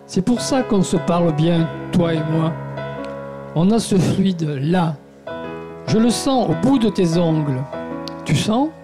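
Slow, intimate man reading aloud. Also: high-pitched. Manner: measured, intimate storytelling delivery. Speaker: guest reader. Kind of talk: reading a literary text aloud. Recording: piano playing behind the voice. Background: piano music.

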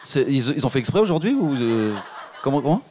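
A man hosting a public reading event, lively and encouraging as he addresses the audience and guests directly. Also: mid-range voice, brisk, a faint crowd, a little hiss or hum.

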